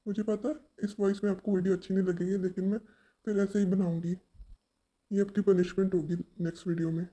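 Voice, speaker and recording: Woman with a very dark, flat voice. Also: mid-range voice, quick pace. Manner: scolding, pleading with viewers. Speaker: YouTube storyteller. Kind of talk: casual talk to viewers.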